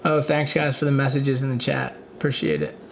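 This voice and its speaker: A man's voice: mid-range voice, a little fast, vocal fry, slight background noise. A man in his thirties speaking casually as a guest on a video call, laid-back and grateful, with lots of fillers.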